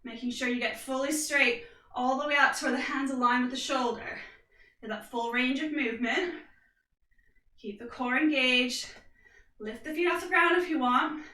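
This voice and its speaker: Woman coaching a workout, high bright voice, upbeat step-by-step cues, echoey room with a distant mic. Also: moderate pace. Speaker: fitness instructor. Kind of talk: guided workout instruction.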